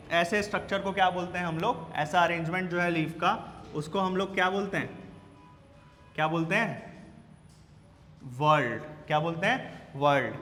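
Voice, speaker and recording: A man's voice: high-pitched, pushed and bright, in a large hall, a little hiss or hum. A male biology teacher lecturing in a classroom, quizzing his students with repeated questions and teasing them. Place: classroom with a whiteboard.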